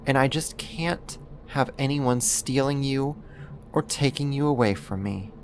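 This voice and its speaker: A medium-pitched voice with a little hiss or hum voices an ASMR roleplay character: a possessive, obsessive neighbor turned kidnapper. The actor's delivery is deliberate, intimate, and controlling.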